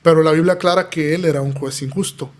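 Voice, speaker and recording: A man's voice: fairly high pitch, fairly even intonation, fast. A man, a pastor telling his testimony in an earnest, preaching tone. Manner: earnest, preaching tone, acts out quoted voices. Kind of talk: podcast interview testimony.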